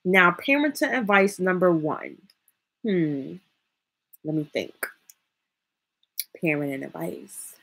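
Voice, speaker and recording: A woman streamer talks casually to her viewers with a slight lisp and a husky, breathy tone. Her voice sits a little low. She rambles and pauses to think between her points of advice. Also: lively intonation, a bit bright. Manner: rambling, thinks aloud, uses fillers. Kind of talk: casual live-stream talk.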